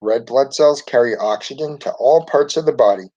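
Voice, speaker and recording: Brief: a man playing a precise know-it-all schoolgirl, raised pitch, storybook reading, dull recording. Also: moderate pace, mellow, lightly acted. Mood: studious. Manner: precise and bookish.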